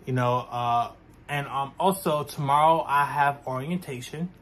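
A young man, a vlogger, talking casually to his viewers from his own room, slow and full of "um" fillers. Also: medium pitch, a bit bright. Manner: talks slowly with frequent "um" fillers. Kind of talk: casual mukbang vlog chat.

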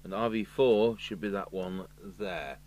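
A low-voiced man from the United Kingdom, host and radio repair technician, gives a slightly slow, dry running commentary on his hands-on repair. The indoor electronics workbench setting carries clear, steady background hum and noise.

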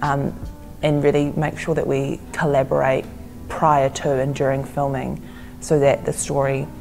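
Low gravelly young woman, reflective. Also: monotone, unhurried, a little mellow. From New Zealand, Fijian and Tongan heritage. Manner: reflective, thoughtful, frequent "like". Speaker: documentary director. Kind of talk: casual interview. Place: gallery, seated indoors. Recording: music bed underneath.

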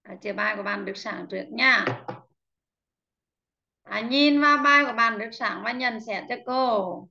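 A woman teaching an online English class who patiently drills vocabulary pronunciation, repeats each word slowly and calls on students by name, heard over slightly muffled call audio. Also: on the high side, sharp tone. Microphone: video call.

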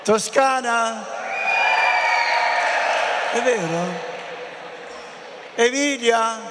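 A man's voice: very high-pitched, very slow. A man speaking as a bishop, greeting a large assembly and playfully calling out questions to the audience. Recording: reverberant hall with crowd noise.

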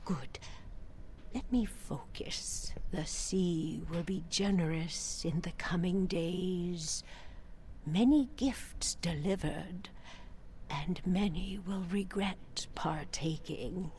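A mysterious fortune teller in a video game. She delivers cryptic, portentous lines very slowly in a lowish voice, over ambient noise. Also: dark tone. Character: mysterious slow-speaking fortune teller woman. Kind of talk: scripted video game character acting.

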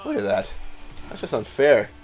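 A young man rambles through loose gameplay commentary, swearing often and jumping into arguments with his co-host. He speaks at an ordinary middle pitch. Faint music plays underneath. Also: huge pitch swings, moderate pace. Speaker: let's play host.

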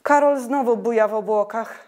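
A woman voicing a lively, teasing young sister in a storybook reading, exclaiming excitedly. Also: medium pitch, brisk, lightly acted.

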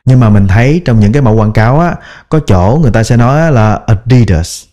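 A man teaching English brand-name pronunciation in a patient, step-by-step lesson, repeating each word slowly. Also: medium pitch, animated, mellow. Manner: drawn-out repeated example words, patient explaining. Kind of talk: slow instructional pronunciation lesson.

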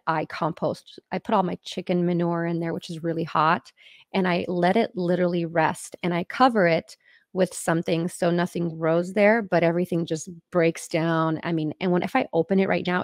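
Chatty woman podcast host, low and dry. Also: no echo. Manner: chatty and rambling, many fillers. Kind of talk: casual chat. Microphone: video call.

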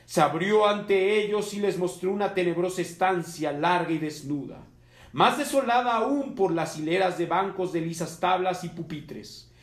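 Man, high voice, narrator, measured reading, echoey room. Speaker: volunteer reader. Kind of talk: audiobook narration.

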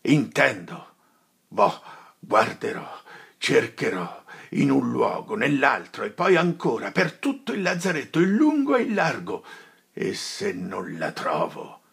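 A man's voice: sits low, fairly even intonation, slow, vocal fry, few pauses, fairly bright tone, breathy edge, heavily acted. A man voicing a desperate, furious young man in an audiobook, breaking into rising outbursts.

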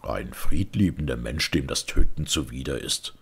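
A man voicing a menacing medieval monk who speaks in a growling baritone with scornful, hissed threats. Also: normal speed, husky, full character voice.

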